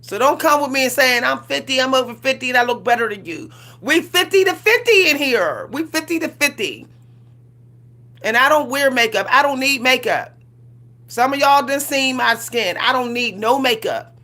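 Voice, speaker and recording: Her voice is high, expressive, and sharp as this livestream host in her 40s rants at normal speed. She's sassy and colloquial, repeats herself, and breaks into laughter frequently.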